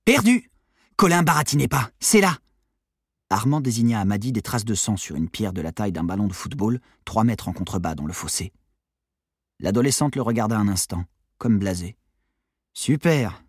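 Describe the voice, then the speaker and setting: A man narrating a novel in a low, quiet storytelling tone. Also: brisk, husky, no room sound, clean studio sound. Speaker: audiobook narrator. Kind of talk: scripted narration.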